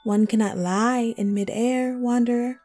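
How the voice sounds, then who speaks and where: Woman as a high-voiced, teasing Cheshire Cat. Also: steady tone, mellow, soft background music, close to an everyday voice. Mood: whimsically advising. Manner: playful, coy, drawn-out phrasing with whimsical wordplay. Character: teasing, riddling female Cheshire cat of Wonderland. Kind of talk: scripted audio roleplay addressed to the listener.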